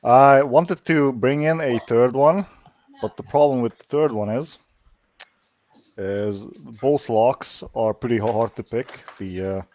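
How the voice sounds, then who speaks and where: A man from Slovakia, speaking English as an in casual chat, halting and searching for words. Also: medium pitch, a little mellow. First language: Hungarian. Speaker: lockpicking livestream guest. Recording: dull lo-fi stream audio.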